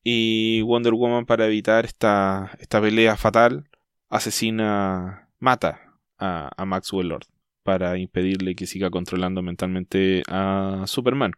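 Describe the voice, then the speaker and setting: Low-voiced Chilean man hosting a podcast. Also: steady tone, unhurried, clean tone, no echo, studio quality. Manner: thoughtful, hesitant, trails off and restarts mid-thought. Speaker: podcast host. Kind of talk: casual chat.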